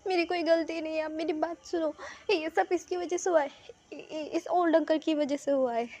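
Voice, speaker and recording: Woman playing a scared young guy, high and stammering, begging fast; storybook narration. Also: steady tone, darkish tone, close to an everyday voice. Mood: pleading. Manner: stammering, pleading. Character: panicky young man, scared son.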